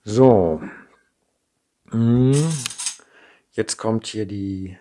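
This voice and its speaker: Low, warm and drawn out, this model kit maker's voice carries a Ruhr German accent as the middle-aged man chats through an unscripted build at his indoor workbench. He thinks aloud and often ends sentences with a questioning "ne?". A camera mic over the tabletop, hands in frame, picks up a little hiss or hum.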